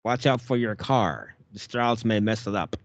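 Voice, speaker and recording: A man's voice: fairly low pitch, moderate pace, dry recording, highs cut off. A man co-hosting a podcast, chatting casually and playfully about football. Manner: animated, playful teasing. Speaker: podcast co-host. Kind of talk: casual sports chat. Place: Detroit.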